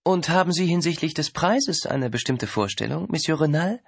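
A man's voice: a little high, lively intonation, moderate pace, no echo, pitched above the performer's own voice, exaggerated voice. A man doing an oily, eager art dealer. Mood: courteous, eager. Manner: smooth, courteous, eager. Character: polite, oily male London art dealer.

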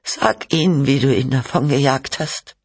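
A frail, distraught mother speaks in a raised, strained pitch, as a male reader puts her on. She is bitter and accusing, with breathless outbursts and a husky edge. The recording is dry and close. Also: expressive, measured pace, dry recording, heavily acted. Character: frail distraught mother, middle-aged woman.

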